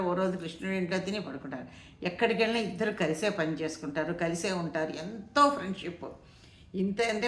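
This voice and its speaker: Chatty woman storyteller in an echoey room. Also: mid-range voice. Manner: chatty, addresses listeners directly. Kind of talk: casual oral storytelling.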